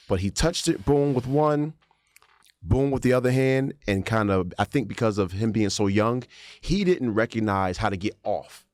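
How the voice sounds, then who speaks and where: In a clean, dry studio recording, a man with a lowish voice co-hosts a podcast and recounts a story in casual chat. He brings it to life by performing the quotes and sound effects.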